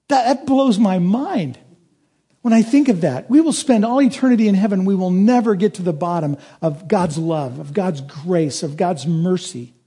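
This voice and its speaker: A man in the pulpit delivering a sermon, his voice fairly high for a man. The tone is mellow and a little husky. He preaches earnestly and swells into emphatic high points. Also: expressive, normal speed. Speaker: pastor.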